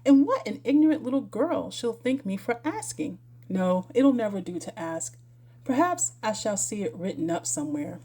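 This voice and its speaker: A curious young girl from a storybook, voiced by a woman reader, chattering and wondering aloud to herself. The tone is mellow and gentle, with pitch that rises and falls in a lively way. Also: normal speed, husky. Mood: curious, prim. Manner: musing aloud, self-questioning. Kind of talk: storybook character reading.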